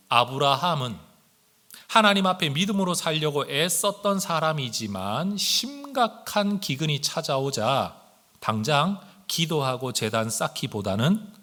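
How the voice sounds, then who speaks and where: His voice sits at medium pitch with a sharp edge as this pastor preaches on Sunday, earnestly posing rhetorical questions to the congregation. He uses standard Korean, but a regional lilt slips through at faster moments.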